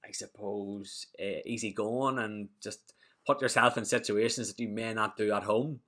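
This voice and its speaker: A young Irish man chatting easily as a podcast guest, relaxed and quick to laugh. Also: on the low side. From Ireland. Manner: relaxed, easygoing, laughs often. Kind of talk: casual interview chat.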